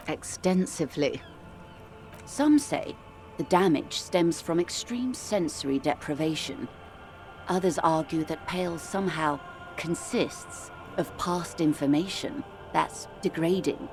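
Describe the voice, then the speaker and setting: In video game character dialogue, an actress with a low voice plays a composed, wealthy, middle-aged corporate negotiator. Her delivery is measured, articulate and world-weary, with a grave, explanatory mood.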